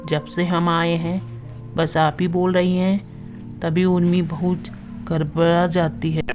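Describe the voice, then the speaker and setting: A woman voicing a sharp-tongued middle-aged mother-in-law who scolds and mocks, on a dull lo-fi track with faint music behind. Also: fairly low pitch, flat delivery, slow. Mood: scolding. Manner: scolding, mocking. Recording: dull lo-fi audio with soft music.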